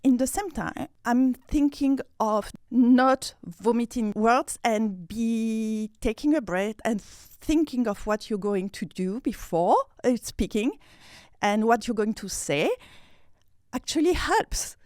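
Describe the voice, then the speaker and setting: A woman's voice: fairly high pitch, expressive, slow, darkish tone, dry recording, clean studio sound. A woman from France with a French accent, a guest in a casual interview, speaking expressively, breaking into laughs and repeating words as she searches for them.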